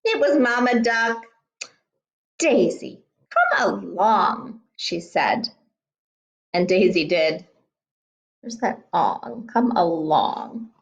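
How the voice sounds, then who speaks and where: A woman teacher reading a picture book aloud to children, gentle and expressive, pausing to ask questions. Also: mid-range voice, lo-fi sound.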